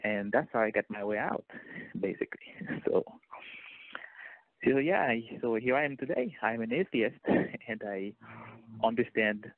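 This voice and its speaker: A man from Haiti, a guest telling his story in a measured, thoughtful way. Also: medium pitch, animated. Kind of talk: interview over a call. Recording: tinny phone line, dry.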